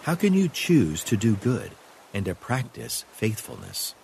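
Calm, meditative low-voiced man with lively intonation. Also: gravelly, slight background noise. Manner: calm, meditative, unhurried pauses. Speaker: devotional host leading prayer and meditation.

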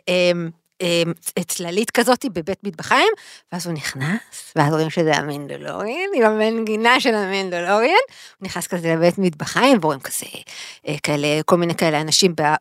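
A woman co-hosting a podcast, chatting casually and retelling a TV episode in an excited, rambling way full of fillers. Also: lowish voice, dry recording, clean studio sound. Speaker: podcast co-host. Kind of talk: casual chat.

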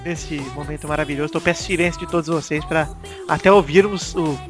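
A Brazilian podcast host with a notably high voice for a man, chatting casually and giggling as he talks. Soft music plays faintly behind him. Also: fairly even intonation, quick pace. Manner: giggling, breaks into laughter.

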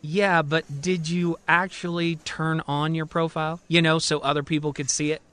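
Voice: mid-range voice, flat delivery, normal speed, a bit bright, natural voice. A man voicing Jordan, a teasing, nosy best friend who prods about dating, in a one-man audio story.

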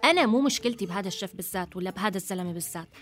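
A woman's voice: medium pitch, expressive, very fast, fairly bright tone, faint music behind. A woman with a Jordanian Levantine accent, a podcast co-host chatting casually in an opinionated, teasing, argumentative way. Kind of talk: casual conversational banter.

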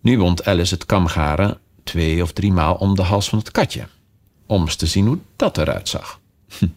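A man reading a storybook aloud in a measured, expressive narration. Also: low voice. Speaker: audiobook narrator.

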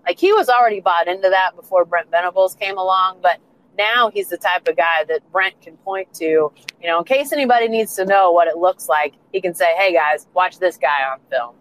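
Chatty female panelist, lower voice, faint background noise. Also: fairly bright tone, rough recording. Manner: chatty, repeats herself. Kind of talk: casual postgame analysis.

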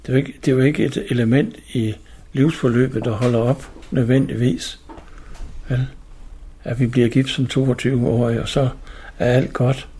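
A man's voice: mid-range voice, little pitch movement, mellow, slightly rough. A man in his sixties, an author and collector, talking in a reflective, rambling way with many restarts. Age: 60s. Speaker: author and stone-age collector. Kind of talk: casual interview talk.

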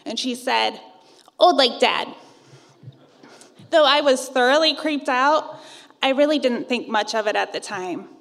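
A woman's voice: sits high, moderate pace, creaky, fairly bright tone, in a large hall. A woman in her thirties from Iowa, narrating a personal ghost story in a wry, conversational way. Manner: wry, conversational, self-teasing.

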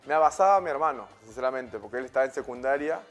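A man in his thirties with a Peruvian Spanish accent, a guest telling stories in a relaxed, slangy way, often tagging his sentences with questions. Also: medium pitch, very fast, soft background music. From Peru. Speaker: guest, former footballer. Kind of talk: casual interview storytelling.

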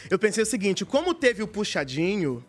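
A Brazilian man co-hosting a casual, lively chat show. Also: high-pitched, a little fast. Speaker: talk show co-host.

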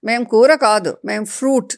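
Rich: A woman putting on a talking eggplant from a children's storybook, a cheerful know-it-all who explains things to a small child. It talks in a lively, playful, lecturing way, slightly higher than an everyday voice, and loud and bright. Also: measured pace. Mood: chatty, teaching.

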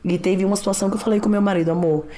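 A woman talking in a casual conversation about raising her children, earnest and animated, acting out quotes as she tells her stories. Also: medium pitch, racing, slight background noise. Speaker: mother and podcast guest.

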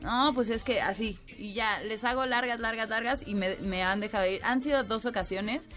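A woman's voice: on the high side, normal speed, soft background music. Frank young Mexican woman, guest actress. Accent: Mexican Spanish. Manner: frank, lively anecdote teller. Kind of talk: casual radio interview.

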